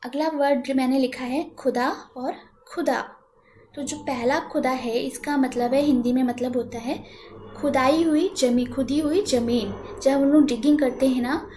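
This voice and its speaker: Woman teacher doing an online class for little kids, patient, slips english words in, voice a bit high. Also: mellow, slight background noise. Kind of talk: online class lesson for young children.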